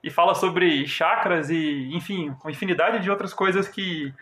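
A man's voice: a little high, normal speed, a bit bright, reverberant. A man with a Brazilian Portuguese accent explaining things in casual conversation as a podcast co-host.

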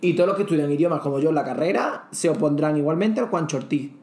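Young Andalusian woman, low voice, teasing co-host who swears casually, echoey room. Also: fast, darkish tone. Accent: Andalusian Spanish. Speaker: podcast co-host. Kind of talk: casual chat.

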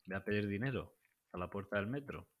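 A man's voice: on the low side, fairly quick. A man co-hosting a podcast, teasing his partner and rambling through stories. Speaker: podcast co-host. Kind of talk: casual chat.

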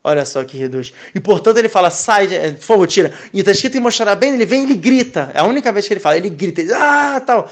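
High-pitched male teacher, lively and expressive, explaining scripture casually. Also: very fast, few pauses. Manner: animated, expressive teaching, sprinkled with Hebrew terms. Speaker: Torah teacher. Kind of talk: casual religious lesson.

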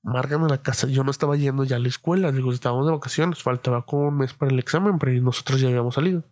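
Young guy, casual storyteller: rambling, slangy, swears a lot, mid-pitch voice, dry close mic. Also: racing, a little mellow, dry recording. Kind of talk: casual anecdote telling.

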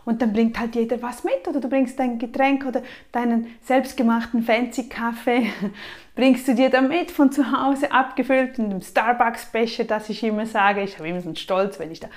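Woman giving advice, a bit high voiced, punchy then going soft, chatty vlog tone. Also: normal speed. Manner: emphatic and lively, with frequent soft drops in volume. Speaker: personal finance advice vlogger. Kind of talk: casual advice talk to the viewer.

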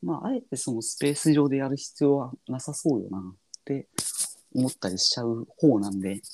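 A man's voice: medium pitch, brisk, darkish tone, a little hiss or hum. A man chatting casually as a podcast guest, humble and polite with mock-formal turns of phrase. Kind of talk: casual chat.

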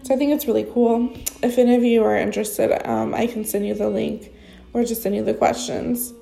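Brisk and warm, a young woman with a highish voice and vocal fry keeps her intonation fairly even. She sponsors others in recovery and talks spontaneously in a casual vlog. Congested and blocked up, she rambles, filling her speech with fillers.

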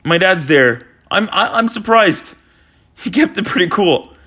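A man in his forties ranting exasperatedly as a hockey fan after a loss, sometimes shouting. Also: high-pitched, animated, measured pace. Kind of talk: post-game fan rant.

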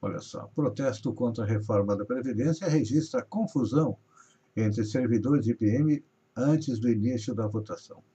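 A man's voice: medium pitch, normal speed, mellow, slightly rough. A man from Brazil hosting a live news show, reading regional headlines and stories with rising emphasis. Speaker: news host. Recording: dull lo-fi audio.

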